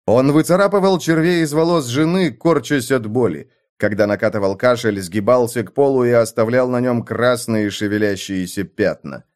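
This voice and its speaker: A man narrating a violent fantasy audiobook with intense, theatrical delivery, mid-pitched. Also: moderate pace, few pauses, darkish tone.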